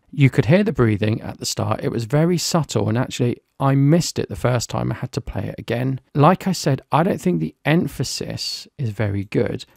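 A man giving a relaxed software review, talking through each step on screen as he clicks. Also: medium pitch, creaky, no echo, clean studio sound. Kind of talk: screen-recorded software walkthrough.

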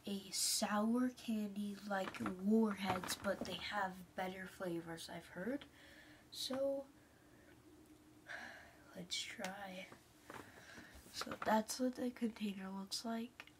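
A young woman vlogging from her bed on her phone, trying sour candy and often talking in a soft half-whisper. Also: mid-range voice. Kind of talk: casual candy taste-test vlog. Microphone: phone camera. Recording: noisy phone recording.

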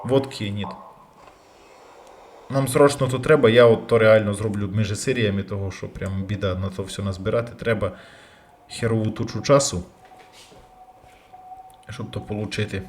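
Excitable swearing man gaming. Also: fairly low pitch, a little hiss or hum. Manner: loud outbursts and heavy swearing; jumpy, rapid switches between yelling and muttering. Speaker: let's play gamer. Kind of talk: excited gameplay commentary.

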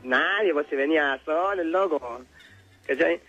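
Hombre chileno de voz aguda, relato callejero. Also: male voice, a little high, measured pace, sharp tone, dull audio, faint music behind. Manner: slangy, rambling, laughs often. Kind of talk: telling a personal story on call-in radio.

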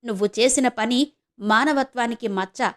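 A fierce, protective adoptive mother who scolds hard and indignantly, as a woman reader puts her on. The voice sits fairly high for a woman and comes through a storybook narration. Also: normal speed, lightly acted. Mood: scolding.

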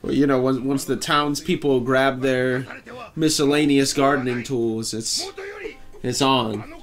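A man's voice: mid-range voice, fairly even intonation, measured pace, soft background music. A man in his thirties chatting casually as he reacts to a show, joking and swearing in loose slang. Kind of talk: casual chat, reaction commentary. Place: living room couch, indoors.

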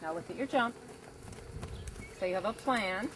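A woman coaching a riding lesson outdoors, giving brisk, projected, repeated short commands with encouragement. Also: medium pitch, expressive. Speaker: riding instructor. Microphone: camera at a distance. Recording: very noisy outdoor camcorder audio.

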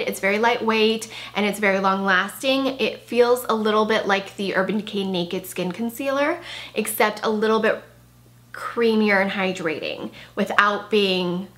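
A woman in her thirties, slightly high-voiced and a bit bright, casually reviews a makeup product from her bedroom, where a clothing rack stands. She's a beauty vlogger, chatty and enthusiastic, leaning on "like" and "really," and her voice sounds a little worn because she's losing it.

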